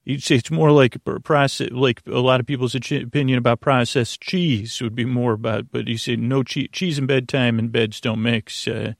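A podcast host delivers a meandering bedtime monologue into a close, dry mic with studio-quality sound. His mid-range voice is gravelly and creaky with fairly even intonation, and he stammers, repeats words, and drifts off topic until he loses his thread.

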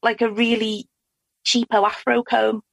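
A woman's voice: fairly high pitch, little pitch movement, a little slow, creaky, dry recording. A woman from England co-hosting a casual podcast chat, jokey and rambling. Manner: chatty, jokey, rambling with fillers. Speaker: podcast co-host.

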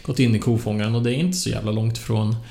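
A man's voice: fairly low pitch, steady tone, vocal fry, mellow. A man co-hosting a casual true-crime podcast, hesitant with many fillers and restarts. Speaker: podcast co-host. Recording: echoey room.

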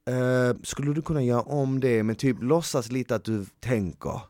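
A man's voice: mid-range voice, no room sound. Guy just chatting on a podcast, acts out all the voices, dry room. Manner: animated storytelling, acts out quoted dialogue. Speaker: podcast host, former reality show contestant. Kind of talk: casual chat.

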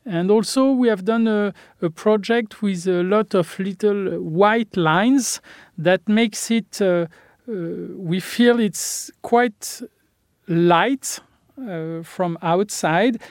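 A man's voice: high voice, takes it slowly, darkish tone, clean tone, no echo, studio quality. A man with a French accent, an architect answering interview questions and searching for his words in English.

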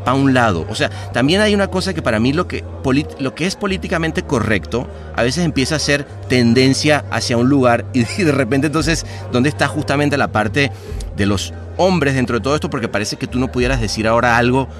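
A man's voice: mid-range voice, fairly quick, faint music behind. Reflective Venezuelan man, rambling. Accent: Venezuelan Spanish. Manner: reflective, rambling with many restarts. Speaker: podcast guest. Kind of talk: casual conversation.

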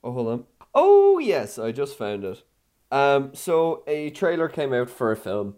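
A man's voice: mid-range voice, huge pitch swings, unhurried, mellow. A man co-hosting a casual podcast chat, teasing and playful, laughing often. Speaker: podcast co-host.

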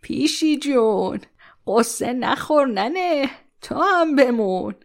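A woman's voice: high-pitched, animated. An actress voicing a kind, motherly old village woman in a children's audio story, coaxing and soothing. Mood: gentle. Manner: soothing, coaxing, calls everyone dear. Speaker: voice actor.

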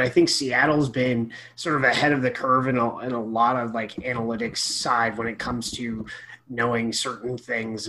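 A man's voice: medium pitch, a bit bright, a little hiss or hum, poor audio. Filler-heavy man on a casual call. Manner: loose, filler-heavy, with many "like" and "um". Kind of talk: casual chat.

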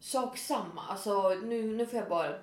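A woman's voice: medium pitch, reverberant. A woman in casual chat, telling a story animatedly and acting out what people said. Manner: animated storyteller, acts out quotes.

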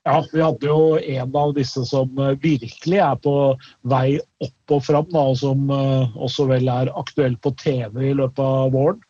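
A male podcast co-host in casual chat, relaxed, with many fillers. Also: medium pitch, few pauses, highs cut off.

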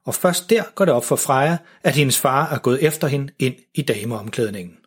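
Husky man reading a story. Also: mid-range voice, lively intonation. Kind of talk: storybook narration.

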